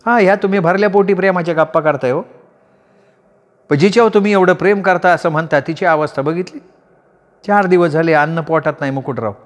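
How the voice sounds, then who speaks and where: Man doing a young village woman, high-pitched, sharp-tongued, reproachful, storybook reading. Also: brisk, big-room sound, natural voice. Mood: bitter. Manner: pleading, reproachful.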